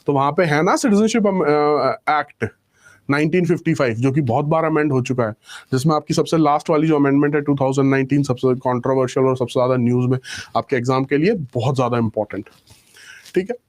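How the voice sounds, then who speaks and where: A man's voice: mid-range voice, fairly quick, a little mellow. A young male teacher giving a live exam-prep class, explaining with rhetorical questions and English phrases mixed in.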